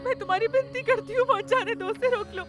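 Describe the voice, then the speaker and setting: A woman's voice: very high-pitched, a little fast, music in the background. An actress dubbing a grieving mother who pleads tearfully for her son. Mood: begging. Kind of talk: Urdu film dubbing.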